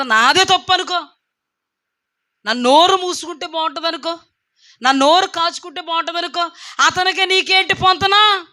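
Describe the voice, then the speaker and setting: A woman delivers a sermon in a high, bright voice. She is emphatic, rising to loud exclaims, then dropping into quiet asides. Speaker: preacher.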